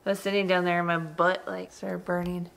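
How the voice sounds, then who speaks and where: A woman chatting casually and playfully, laughing easily while warming up by a fire. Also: fairly low pitch, little pitch movement, fairly quick, gravelly, poor audio. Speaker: vlogger's companion. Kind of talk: casual chat.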